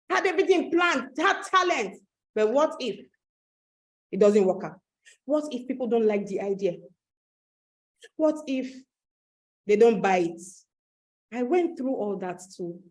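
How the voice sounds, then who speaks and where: A woman with a Nigerian accent giving a motivational webinar talk, animated, repeating phrases and asking the audience questions. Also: on the high side, low-quality recording. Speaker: webinar host and coach.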